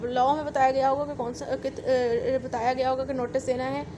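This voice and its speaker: A woman with a Pakistani accent gives an explanatory law lecture, reading out legal articles and explaining them step by step while repeating key points. Her voice is high and level, at a moderate pace, with background noise audible.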